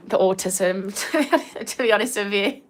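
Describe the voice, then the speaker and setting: Speaking a little slowly at medium pitch, this Newcastle-born woman in her thirties runs a mindset livestream after working as a therapist. Her mild Newcastle accent comes through as she frankly chats, gives viewers advice, and reads their comments aloud, peppering her talk with "like."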